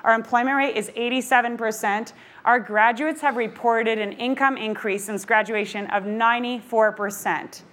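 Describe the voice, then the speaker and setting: A woman who founded a nonprofit, giving a passionate, energetic talk on stage while presenting slides. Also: on the high side, normal speed.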